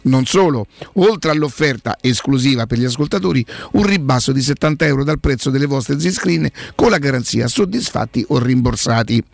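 Man, radio host reading an infomercial pitch, gravelly edge, urging sales patter. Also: expressive, moderate pace, few pauses, no echo. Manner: promotional, urging sales patter with repeated slogans. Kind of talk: infomercial-style live radio ad read.

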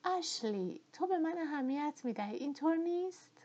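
A woman's voice: high voice, expressive, a little mellow, muffled recording, voice pushed up. Woman voicing a pleading lovesick young belle. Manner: pleading, breathless questions.

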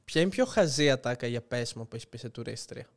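A man co-hosting a casual podcast, teasing with quick interjections. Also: medium pitch, lively intonation. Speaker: podcast co-host. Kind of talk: casual chat.

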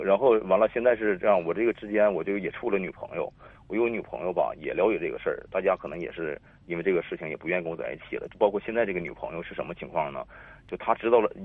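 A man in his thirties calls in on the phone and tells a personal story, rambling and repeating himself. He talks rapid-fire in a deep, slightly rough voice. The phone line sounds tinny and dry.

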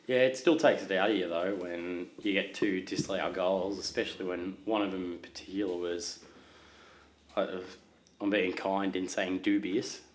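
Blunt low-voiced man, roomy. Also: fairly even intonation, normal speed, a little hiss or hum. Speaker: podcast co-host. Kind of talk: casual chat.

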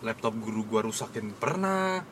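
A young man with reminiscing about school in casual chat, relaxed and joking. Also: on the low side, moderate pace, background noise.

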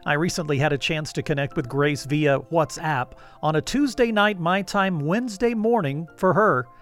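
Radio host, male, slightly higher voice, measured delivery, light music under him. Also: a bit bright. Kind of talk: scripted radio host narration and interview.

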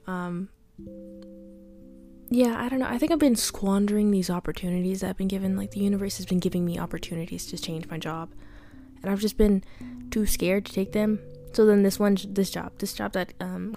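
A young woman rambling hesitantly through a personal audio diary, often trailing off and sometimes dropping to a soft whisper. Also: medium pitch, gravelly. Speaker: podcast diarist. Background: faint background music.

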